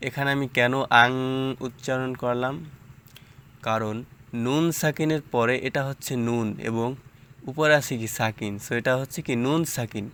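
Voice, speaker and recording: Man, Quran reading teacher, bright tone, spells out syllables patiently, repeats each sound. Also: medium pitch, clean tone. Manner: slow syllable-by-syllable drilling, explaining pronunciation patiently.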